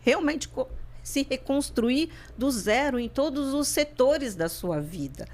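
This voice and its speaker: A woman's voice: sits high, lively intonation, takes it slowly, a little mellow. A woman from Brazil speaks as a podcast guest. She talks in a reflective, searching way, repeating and restarting her words as she works through what she means. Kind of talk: personal interview talk.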